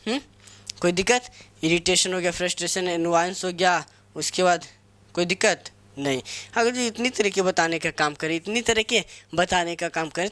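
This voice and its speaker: A young man gives a Hindi-medium lesson on English grammar, spelling words out letter by letter and posing questions that he then answers himself. His voice is high-pitched and a bit bright.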